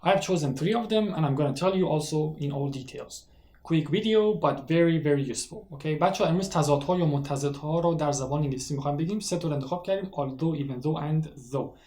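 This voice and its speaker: Male teacher, higher voice, brisk bilingual delivery, echoey room. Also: dark tone. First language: Persian. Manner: switches between slow deliberate English and rapid Persian. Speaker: English teacher. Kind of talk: bilingual grammar lesson.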